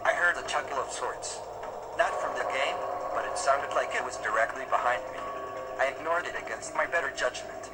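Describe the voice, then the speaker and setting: A man's voice: mid-range voice, brisk, rough recording. A man's text-to-speech voice reading a scripted first-person story as a narrator. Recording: loud noise behind the voice.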